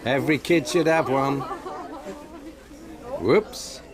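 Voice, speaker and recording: Guy joking around slowly out on deck, casual n teasing, really loud crowd noise. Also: mid-range voice. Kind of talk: casual jokey chat. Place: outdoors on a ship's deck.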